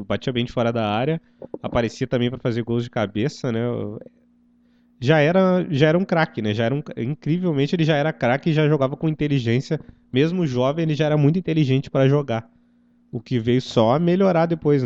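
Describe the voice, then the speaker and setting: A man's voice: medium pitch, darkish tone, dry recording. A man chatting casually about football as a show commentator, telling anecdotes and repeating himself for emphasis. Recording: dull, lo-fi microphone sound.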